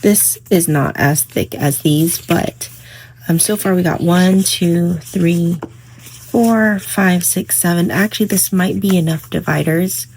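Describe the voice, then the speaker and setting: A woman vlogging casually about her planner from home, her voice hoarse in the morning, rambling with many fillers. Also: on the low side, slow, a little mellow, slight background noise. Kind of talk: casual crafting vlog. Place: home, indoors.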